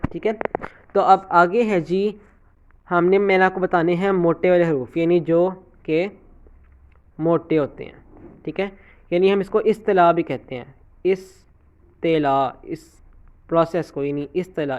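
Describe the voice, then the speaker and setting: A man's voice: sits high, highs cut off. A man teaching beginner students Quran reading in a recorded lesson, patiently repeating points, asking questions and answering them himself, and often checking in with an 'okay'.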